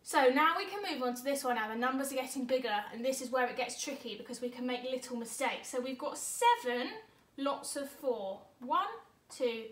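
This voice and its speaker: A woman's voice: high-pitched, a little fast, echoey room. A woman giving a maths lesson for young children, teaching a child to count aloud step by step in an encouraging way, as a primary teacher. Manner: encouraging, addressing pupils directly.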